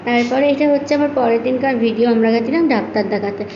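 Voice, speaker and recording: A woman's voice: a little high, fast talker, dark tone, a little hiss or hum. A tired young woman, a new mother, chatting casually and rambling to her viewers in a home vlog filmed on a phone. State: tired from lack of sleep. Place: room at home. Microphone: phone camera. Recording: muffled, echoey room recording.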